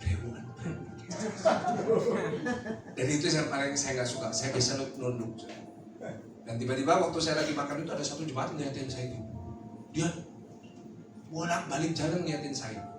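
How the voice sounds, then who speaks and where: A man in his thirties, a pastor giving a lively testimony sermon and talking straight to the congregation with jokes. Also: mid-range voice, brisk, long pauses. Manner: lively storytelling, addresses the listeners directly, jokes. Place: large church hall. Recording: very echoey hall, mic far off, music behind.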